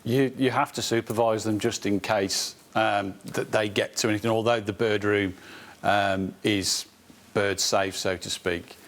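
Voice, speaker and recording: Man, somewhat low pitch, hesitant, measured answers, court show litigant. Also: fairly even intonation. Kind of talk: answering questions. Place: television studio courtroom.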